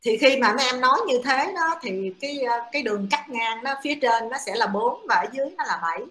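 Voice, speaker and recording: A woman's voice: fairly high pitch, expressive, fast, fairly bright tone. A woman giving a classroom lecture to students, explaining step by step with many hesitant fillers. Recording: echoey room.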